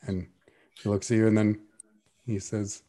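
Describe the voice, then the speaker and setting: A man's voice: on the low side, little pitch movement, unhurried, warm tone. A man narrating as game master, describing scenes and acting out characters in a casual, easygoing way. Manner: casual, with restarts and fillers.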